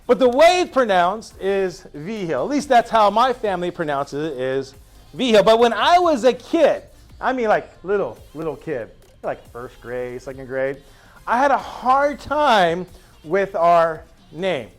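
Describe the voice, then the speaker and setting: A high-voiced male teacher greets his new class on day one by spinning lively stories and wandering into long asides, his pitch rising and falling dramatically. Faint, soft music plays in the background.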